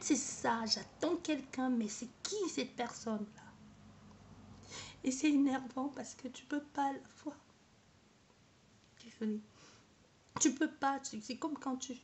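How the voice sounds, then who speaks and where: A woman with a fairly high voice tells her own story straight to the camera. She hesitates, restarts her sentences and repeats words while she searches for how to say things. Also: darkish tone, a little hiss or hum. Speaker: vlogger. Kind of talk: personal testimony to camera.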